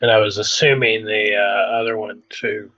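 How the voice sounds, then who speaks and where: A man's voice: lowish voice, level tone, moderate pace, pushed and bright, no echo, muffled recording. A man playing a tabletop game, casually explaining his moves.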